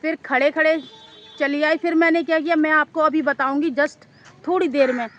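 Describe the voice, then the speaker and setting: A woman's voice: high-pitched, steady tone, normal speed, dull audio, soft background music. A woman vlogger casually telling a story to camera outdoors in a park, chatty and rambling, often repeating herself.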